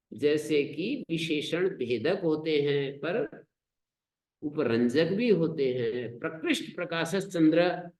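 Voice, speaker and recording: An older man with an Indian Hindi accent and a slightly high voice teaches a scripture lesson in an echoey room. He chants Sanskrit verses, explains them slowly, and asks rhetorical questions.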